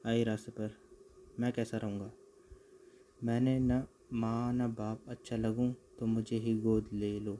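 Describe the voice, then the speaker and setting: Male voice as a cowardly cartoon swindler, wheedling then wailing, even flat pitch. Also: measured pace, a little hiss or hum, close to an everyday voice. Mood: ingratiating. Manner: wailing and pleading. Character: greedy young male con man, cowardly whiner.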